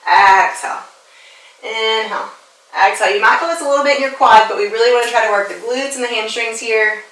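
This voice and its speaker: Bright, bubbly woman teaching yoga. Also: fairly high pitch, a little fast. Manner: upbeat and playful, laughs often, counts breaths. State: slightly out of breath from exercising. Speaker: yoga instructor and personal trainer. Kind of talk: guided yoga class instruction. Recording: echoey room, voice a bit far from the mic.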